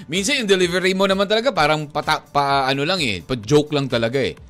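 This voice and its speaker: A man's voice: on the high side, fast talker, fairly bright tone, faint music behind. Teasing Filipino radio DJ man. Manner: teasing, laughs often, switches between Tagalog and English. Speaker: radio DJ co-host. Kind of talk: casual radio banter.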